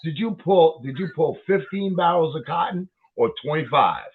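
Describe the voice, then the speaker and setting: A man's voice: on the high side, lively intonation, moderate pace. A man ranting in a heated, profane commentary, swearing often and repeating himself as he reacts to a video. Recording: tinny phone-like line.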